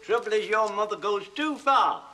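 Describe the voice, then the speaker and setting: A cheeky old war-veteran grandad. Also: male voice, sits high, normal speed, bright, forceful tone. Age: older. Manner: rambling, joking anecdotes. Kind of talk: 1970s TV sitcom acting. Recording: hissy 1970s TV sitcom recording.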